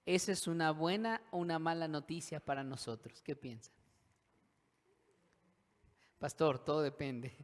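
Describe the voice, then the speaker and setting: A man's voice: fairly high pitch, measured pace, long pauses. Dramatic preaching man in a reverberant hall. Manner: dramatic preaching with acted inner voices and call-and-response. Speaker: pastor. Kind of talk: sermon. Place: church hall.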